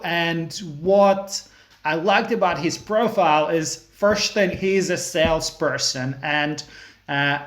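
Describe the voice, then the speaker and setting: Fairly high-voiced male webinar host. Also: fairly bright tone, roomy sound. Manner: informal, uses "look" and "like" as fillers. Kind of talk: casual interview.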